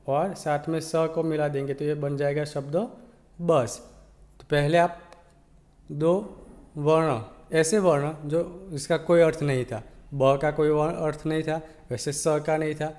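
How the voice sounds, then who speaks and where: A man with a Gujarati accent teaching young children, slowly sounding out letters one by one and checking in with "ठीक है". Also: a little high, darkish tone. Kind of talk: slow, patient children's lesson.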